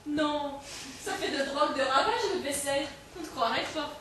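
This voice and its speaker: An actress playing a scheming, quick-witted novice nun with a lively, playful manner. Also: female voice, high voice, far from the mic. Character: scheming, fast-talking young novice nun. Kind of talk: stage comedy acting. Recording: echoey stage heard from afar, faint noise.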